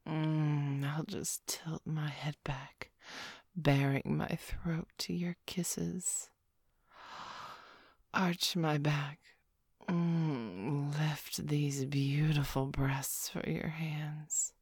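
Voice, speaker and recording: Woman voicing a low breathy chained seductress. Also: steady tone, drawn-out words, a little mellow, no room sound, studio quality, heavily acted. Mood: seductive. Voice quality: breathy whispering. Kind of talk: erotic audio roleplay.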